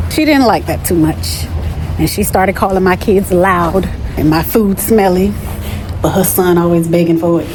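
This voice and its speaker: A woman's voice: mid-range voice, a little hiss or hum, low-quality recording. A woman in her thirties who grew up in Miami, candidly recounting a story in a casual vlog and often adding "you know.". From raised in Miami, born in the Bahamas. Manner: candid, conversational, with frequent "you know" asides. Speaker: vlogger.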